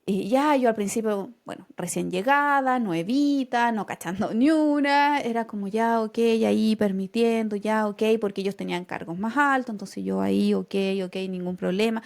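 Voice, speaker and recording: Young chilean woman, podcast co-host, storytelling, acts out quotes, slightly high voice. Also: normal speed, vocal fry, hardly any pauses. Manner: animated, acts out quotes with laughter. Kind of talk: casual storytelling chat.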